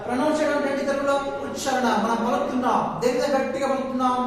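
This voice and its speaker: A man with a Telugu accent teaching an English class, repeating and stretching words slowly and switching between English and Telugu. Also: extremely high pitch, little pitch movement. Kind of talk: classroom lesson. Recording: very echoey classroom, distant mic, long reverb.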